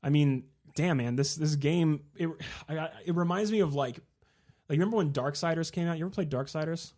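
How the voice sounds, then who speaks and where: A man co-hosting a gaming podcast, chatting casually and rambling, acting out game characters in quick asides. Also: a little high, a little mellow. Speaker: podcast co-host. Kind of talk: casual chat.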